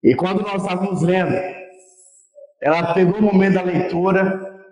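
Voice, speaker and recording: A male pastor from Brazil preaching a sermon in a church, emphatic and slow, rising into shouts. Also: high voice. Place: church sanctuary. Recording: echoey church hall.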